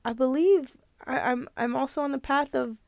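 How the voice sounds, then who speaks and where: A woman's voice: high-pitched, normal speed, creaky, a little mellow, no echo, dull audio. A young woman hosting her own podcast, talking in an earnest, emotional, motivational way, close to tears at times. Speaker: podcast host. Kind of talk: casual motivational talk.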